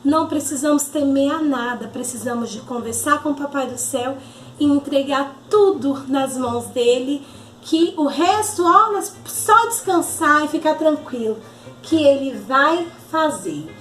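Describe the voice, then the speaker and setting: A woman, telling a Bible story to children in a slow, animated way. Her voice sits high, and the recording sounds roomy with faint music in the background. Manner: animated, affectionate, addressing children directly. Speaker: children's Sunday school teacher.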